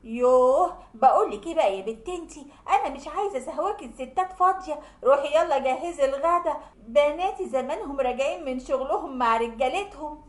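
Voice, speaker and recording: A woman's voice: sits high, animated, fast. A woman voicing a domineering older Egyptian mother-in-law who scolds with scorn. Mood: scolding. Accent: Egyptian Arabic. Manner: sharp, scornful, bossy. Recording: roomy echo.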